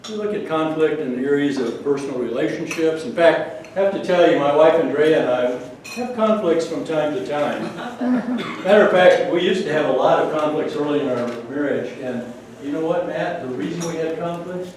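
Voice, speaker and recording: Man, speech to a club audience, loud powerful voice, slightly high, heard from afar in an echoey room. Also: moderate pace, distant mic, slight background noise. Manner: rhetorical questions to the audience. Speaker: speaker.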